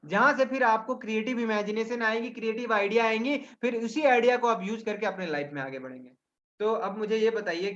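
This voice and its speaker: A man with a high voice gives a webinar lesson. He keeps posing questions and answering them himself, tagging on check-in questions. The audio comes through a dull, lo-fi video call. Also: a bit bright. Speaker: webinar trainer. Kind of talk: explanatory teaching talk.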